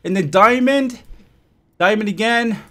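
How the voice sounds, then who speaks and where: A man with a high, bright voice delivers live gameplay commentary as an exasperated, profane rant. He swings between outbursts of shouting and low, muttered grumbling, taking his time between lines. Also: unhurried. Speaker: gaming channel host.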